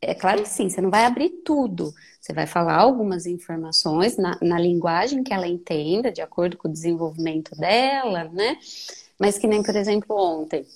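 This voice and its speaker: A woman in her thirties speaking gently and thoughtfully in a reflective conversation, with many soft fillers. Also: fairly low pitch, lively intonation, fairly quick, husky.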